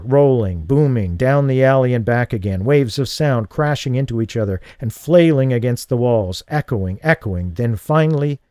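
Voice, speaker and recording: A man giving a dramatic audiobook narration of a thriller, measured and slowing for tense beats. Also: medium pitch, dark tone, no echo, studio quality. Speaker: audiobook reader.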